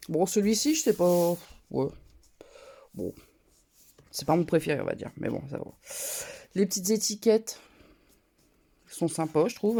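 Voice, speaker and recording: A woman with a cold, speaking through her nose. Her voice is dark and mellow with a gravelly edge. She chats loosely and a touch loudly, full of little fillers, as she shows off her haul. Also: deep voice. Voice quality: nasal. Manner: talks a bit loud, chatty with fillers. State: congested from a cold, nasal. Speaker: scrapbooking vlogger. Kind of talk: casual haul show-and-tell.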